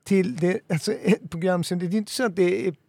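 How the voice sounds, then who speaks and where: Playful gravelly-voiced man on a podcast. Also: high voice, a little mellow, no echo. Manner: playful, jokey, plays with words. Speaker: podcast co-host. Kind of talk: casual podcast chat.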